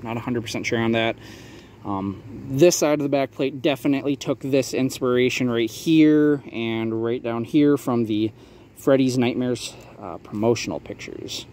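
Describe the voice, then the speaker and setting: Halting man with clear background noise. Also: mid-range voice, a little mellow. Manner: halting, explanatory, hedging. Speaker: maker showing a handmade prop replica for sale. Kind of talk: casual product showcase vlog.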